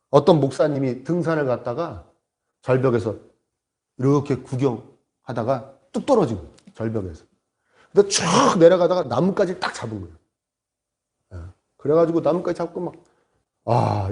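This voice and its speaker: A male pastor delivering a sermon in church, his voice sitting high and swinging widely in pitch. He tells his stories in an animated way and slips into the voices of the people in them. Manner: animated storytelling, acts out voices. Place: church sanctuary.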